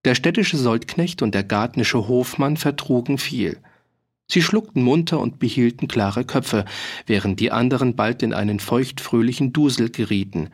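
A man narrating an audiobook in a measured storytelling voice. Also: medium pitch, breathy edge. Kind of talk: audiobook reading.

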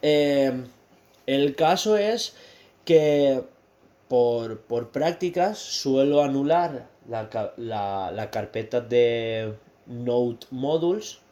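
A man's voice: mid-range voice, expressive, extremely slow, dark tone. A man from Spain in casual chat, explaining things at length and laughing easily.

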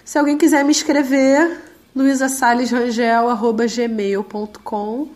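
A Brazilian Portuguese-speaking woman giving a conversational interview, her voice hoarse and duck-like as she recovers from laryngitis. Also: on the high side, steady tone, a little slow, darkish tone. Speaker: interviewee, independent musician.

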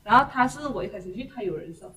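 Fast-talking woman, heard from afar. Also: medium pitch. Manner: animated storyteller who acts out quotes. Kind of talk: casual chat. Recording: distant mic, roomy.

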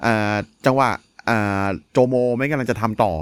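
A man's voice: mid-range voice, steady tone, moderate pace. A man co-hosting a casual wrestling podcast, chiming in with crude slang and easy agreement. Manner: laid-back, crude slang, frequent agreeing interjections. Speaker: podcast co-host. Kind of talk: casual wrestling recap chat.

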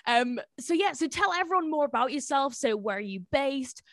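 Woman, show host, fairly high voice, dry close sound, informal slangy interview chat. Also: expressive, moderate pace, a bit bright, dry recording.

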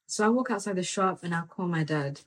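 Woman mentor chatting about faith, kinda low voice, earnest, lots of "like". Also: a little fast, a little hiss or hum, rough recording. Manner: earnest and animated, full of "like" and "come on". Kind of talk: casual faith talk with personal story.

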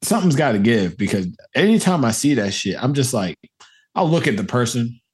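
A man's voice: medium pitch, big pitch swings, brisk, a little mellow, husky. A young man co-hosting a casual podcast, laughing often as he talks loosely and profanely. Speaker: podcast co-host. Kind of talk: casual chat.

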